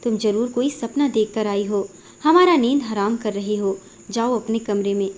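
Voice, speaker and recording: A woman's voice: a little high, normal speed, close to an everyday voice. Scolding stepmother , read by a woman. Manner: shouting, scolding. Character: harsh, scolding stepmother, middle-aged.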